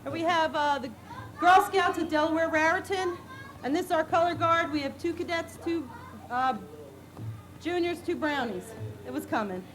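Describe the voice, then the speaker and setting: A woman troop leader, out of breath, briskly reading out troop names at an outdoor parade in the rain. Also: very high-pitched, faint music behind. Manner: brisk list-reading, shouting at times. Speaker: Girl Scout troop leader. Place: outdoors at a rainy town parade. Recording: noisy outdoor recording with crowd.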